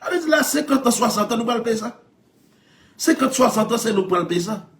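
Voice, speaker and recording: A man with a Haitian Creole accent telling stories in animated chat, laughing often and repeating his phrases. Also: very high voice, fairly quick.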